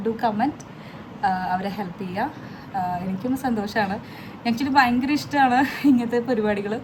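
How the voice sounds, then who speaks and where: A woman in her thirties talks casually to the camera at home, rambling and filling pauses with hesitant sounds. Her voice sits fairly high for a woman. The home recording carries a clear layer of background noise. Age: 30s. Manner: chatty and rambling, many hesitant filler sounds. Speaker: family vlogger.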